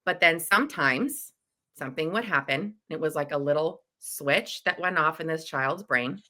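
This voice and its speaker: Educator woman, casual and animated storyteller; somewhat low pitch with a tense, bright edge. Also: normal speed. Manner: animated, acts out her own past thoughts. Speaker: educator and podcast co-host.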